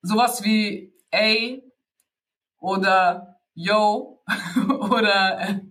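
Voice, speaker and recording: A man teaching rap technique in a relaxed, slangy spoken lesson, full of fillers and restarts. His voice sits high and sounds bright and forward. He keeps it informal and chatty. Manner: loose, slangy, laughs between points, many fillers.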